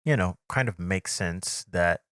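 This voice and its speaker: Male podcast co-host, lowish voice, measured, dry close mic. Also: fairly bright tone, clean tone, no room sound. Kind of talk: casual chat. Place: home studio. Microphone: desk mic on a live stream.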